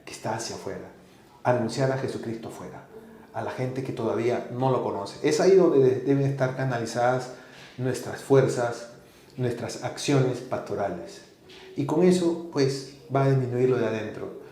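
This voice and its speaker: A man from Peru telling a personal faith story as a guest, animated and acting out the voices of the people in it. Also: mid-range voice, normal speed, echoey room, slight background noise. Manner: animated, acts out quoted voices. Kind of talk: storytelling testimony.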